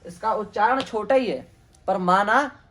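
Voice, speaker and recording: A man's voice: high voice, a little slow, fairly bright tone, slight background noise. A man teaching a Sanskrit grammar lesson, asking questions and answering them himself, repeating each term.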